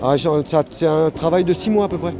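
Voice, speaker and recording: Interviewed outdoors at a festival, a painter talks casually and enthusiastically with music behind him at the event. His voice is on the high side, brisk, and gravelly.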